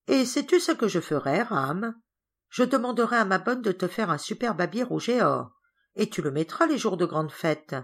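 A kind, timid young girl, voiced by a woman reader, speaks gently and apologetically. Her voice moves lively up and down, in the manner of a storybook read aloud. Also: medium pitch, normal speed, slightly rough. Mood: gentle.

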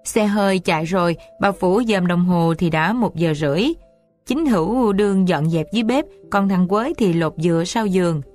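A woman narrating an old story in a calm, measured reading. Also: on the low side. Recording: dry close recording with soft music.

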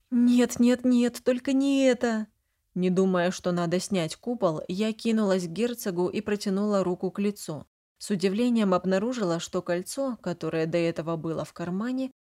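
A woman's voice: mid-range voice, warm tone. Woman narrating a fantasy audiobook.

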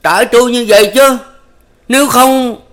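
A man's voice: moderate pace, natural voice. A man doing Ba Lành, an anguished scarred peasant. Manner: strained, cries out, high and loud. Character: young scarred wounded peasant man, bitter.

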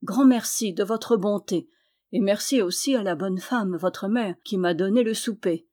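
A woman's voice: mid-range voice, a little slow, mellow, lightly acted. A woman reading aloud, voicing a small, humble tailor who is brave, earnest and courteous.

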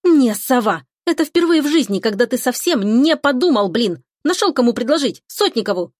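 A woman's voice: on the high side, fast talker, darkish tone, no echo, studio quality, pitched above the performer's own voice, natural voice. A woman voicing a snappy, indignant young woman. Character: young woman, irritable and sharp-tongued. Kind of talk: audiobook character voice.

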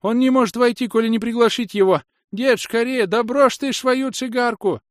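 Мужчина изображает визгливую перепуганную старуху. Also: male voice, extremely high pitch, normal speed, dry recording, clean studio sound, pitched above the performer's own voice. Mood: panicked. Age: older. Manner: shrieking, panicky wailing. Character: shrill frightened old village woman.

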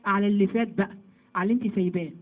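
A woman with an Egyptian Arabic accent gives a religious lesson at a rapid clip, asking her own questions and answering them. Her voice comes through thin and phone-like. She teaches women in a lively, conversational way. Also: medium pitch. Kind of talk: Quran commentary lesson to women.

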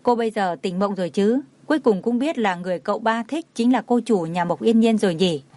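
A woman's voice: medium pitch, a little fast, dark tone, natural voice. A woman reading the lines of a spiteful, mocking young rich woman in a story. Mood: taunting. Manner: taunting, scornful.

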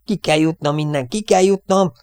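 A man's voice: a little mellow, clean tone, dry recording, clean studio sound, close to an everyday voice. A man voicing a frantic young airman. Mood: panicked. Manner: shrill, frantic. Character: panicked young male bomber gunner.

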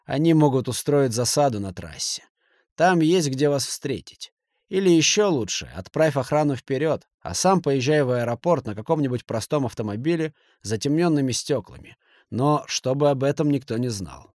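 A wary henchman who gives careful, measured warnings, as a male narrator reads him in a lively, varied tone. The recording is dry and close, with no room echo. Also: medium pitch, lightly acted. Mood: cautious. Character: cautious male henchman giving advice.

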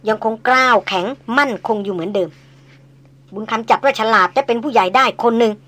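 A woman narrates an audiobook novel. Her voice sits on the higher side, and she reads in an unhurried, measured storytelling way. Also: a bit bright.

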